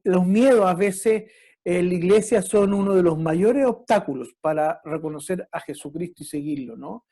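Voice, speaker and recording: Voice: mid-range voice, mellow. A preacher giving a reflective sermon who often checks in with the listeners through tag questions and sometimes stops to restart. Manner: halting, with restarts.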